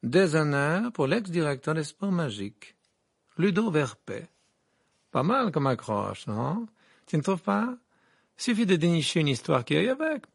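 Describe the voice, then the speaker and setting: A man's voice: fairly high pitch, sing-song, measured pace, gravelly, breathy edge, dry recording, studio quality, voice pushed up, heavily acted. A man reading aloud and voicing a scheming middle-aged female gossip journalist with a gushing, falsely sweet manner.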